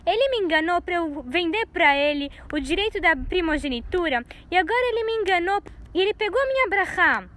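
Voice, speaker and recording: A woman voicing an angry, tearful young man who shouts, then pleads and sobs, in a children's story. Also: very high-pitched, lively intonation, brisk, hardly any pauses, voice pushed up. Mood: furious shouting.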